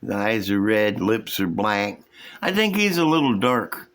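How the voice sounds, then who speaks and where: A man with a slow, folksy drawl, casually showing and explaining his hobby projects to viewers. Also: lowish voice, big pitch swings, fairly bright tone. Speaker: hobby model-building vlogger. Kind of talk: casual show-and-tell commentary.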